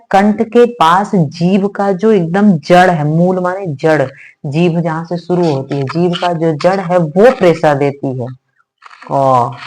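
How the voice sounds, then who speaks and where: Hindi-speaking woman teaching sounds slowly. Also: fairly low pitch, darkish tone. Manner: explains slowly, repeating sounds for students to say; addresses viewers as "beta", asks "hai na?". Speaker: Sanskrit grammar teacher. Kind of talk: spoken online lesson.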